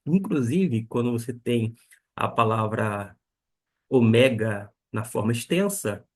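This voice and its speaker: Male language teacher, husky tone, unhurried and careful, drills each word. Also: mid-range voice. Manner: slow and deliberate, spelling out pronunciations. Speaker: Koine Greek teacher. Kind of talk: beginner language lesson.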